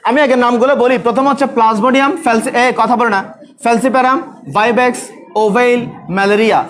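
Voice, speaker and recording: Fast-talking man drilling a class. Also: very high-pitched, fairly even intonation, fairly bright tone. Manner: drills students with repeated questions, scolds talkers. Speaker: biology teacher. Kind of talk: classroom lecture.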